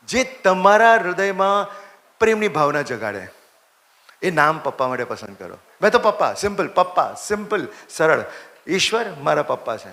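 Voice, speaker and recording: Animated priest preaching. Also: male voice, on the high side, moderate pace. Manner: animated, repeats phrases for emphasis, questions the congregation. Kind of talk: sermon.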